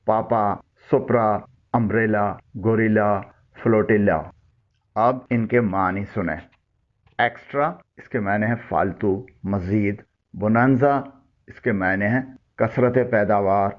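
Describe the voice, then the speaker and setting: A man teaching English pronunciation, slowly listing words and giving their meanings. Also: on the low side. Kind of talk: instructional word-list lesson. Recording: dull lo-fi audio.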